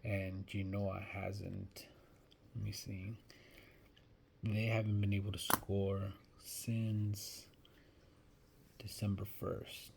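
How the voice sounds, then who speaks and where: A man's voice: lowish voice, completely flat delivery, drawn-out words, gravelly, pauses often, noisy background. A man giving casual soccer betting predictions, thinking aloud and hesitant, often restarting his sentences. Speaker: sports betting vlogger.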